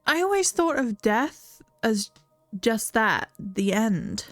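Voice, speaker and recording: A woman voices a young fortune-teller witch from a video game, tender and anxious. The reading is soft and earnest, close on a dry microphone, with faint music underneath. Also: a little high, very animated, takes it slowly, no echo, heavily acted. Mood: surprised.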